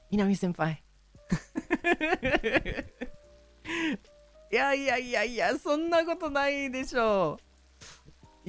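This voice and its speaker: A man with a Kansai accent chats casually on his stream, his pitch swinging widely as he talks. He hesitates often, padding his sentences with fillers and breaking into frequent laughter. Soft music plays quietly behind him. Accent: Kansai Japanese.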